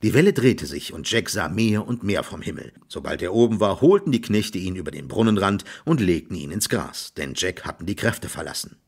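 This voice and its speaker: A man narrating an audiobook in an expressive storytelling manner. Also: deep voice, brisk, gravelly, hardly any pauses, slightly rough. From Germany. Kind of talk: scripted narration.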